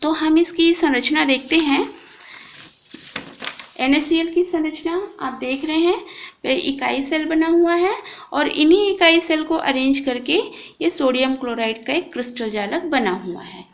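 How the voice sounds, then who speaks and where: A high-pitched woman with an Indian accent gives a chemistry lecture at an unhurried pace. She explains patiently, counting each item aloud one by one as she points through a diagram. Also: a little hiss or hum. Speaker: chemistry teacher. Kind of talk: recorded classroom lecture.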